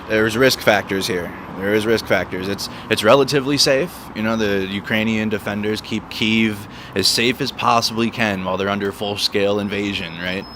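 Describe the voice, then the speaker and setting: A man hosting a casual live stream, chatting and repeating words and phrases for emphasis. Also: on the low side. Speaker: livestream host. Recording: noisy outdoor city street with traffic.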